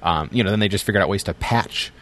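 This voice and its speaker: A man's voice: sits low, quick pace, a bit bright. A middle-aged man co-hosting a podcast, reminiscing in casual chat with jokes and lots of fillers. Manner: storytelling, joking, many fillers.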